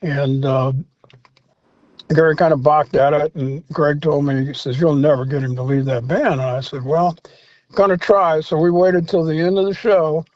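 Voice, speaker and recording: Older male guest, slightly high voice, rambling anecdotes, dull lo-fi dry sound. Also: darkish tone, no echo. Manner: rambling anecdotes with many fillers and restarts. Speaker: interview guest, former rock singer. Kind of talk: storytelling in a casual interview.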